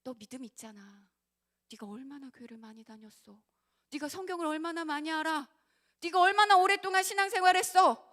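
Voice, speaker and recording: A mocking devil goads a believer, coaxing and jeering in a high, bright voice, as a woman preacher puts him on. It is part of a spoken sermon. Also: fairly quick. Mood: taunting. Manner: mocking, coaxing, rising to loud jeers. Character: the devil, taunting and goading a believer.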